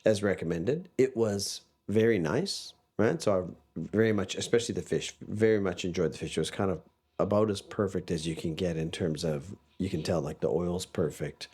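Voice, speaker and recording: A man with a deep, slightly rough and somewhat mellow voice talks at normal speed as a podcast guest in a casual interview chat. His accent mixes Canadian and Australian, and he rambles and restarts often.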